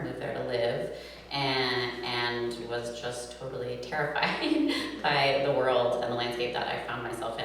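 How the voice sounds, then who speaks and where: A New York City woman with a nasal bass voice and a fairly bright tone gives a live reading of her own poems, chatting casually as she introduces them. The event takes place in a reverberant hall, picked up by a far-off mic with humming noise and plenty of echo.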